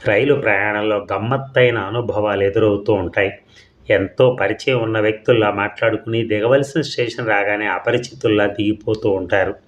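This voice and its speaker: A man narrating a short story for an audio story channel in a calm, steady way. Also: on the low side, normal speed, lo-fi sound.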